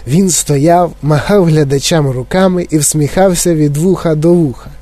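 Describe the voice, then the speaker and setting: A man's voice: a little high, moderate pace, no room sound. A man narrating a children's book expressively. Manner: expressive storytelling. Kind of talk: audiobook narration of a children's novel.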